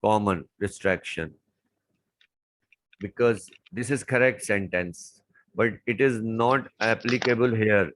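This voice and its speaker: A man's voice: fairly low pitch, slow, fairly bright tone, dry recording, rough recording. A man tutoring chemistry, walking through exam questions step by step and repeating key words. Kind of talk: exam paper walkthrough lesson.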